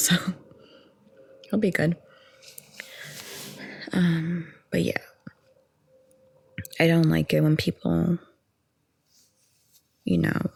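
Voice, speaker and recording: A young woman in her twenties, talking in a soft, rambling, calm ASMR chat into a close mic. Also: sits low, gravelly, breathy edge, no room sound. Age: 20s. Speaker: ASMR audio creator.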